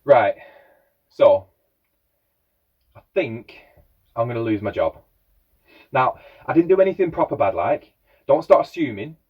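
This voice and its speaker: An actor playing a defensive, rambling young shop worker, in a theatrical monologue. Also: male voice, mid-range voice, breathy edge. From England. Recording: dull lo-fi sound.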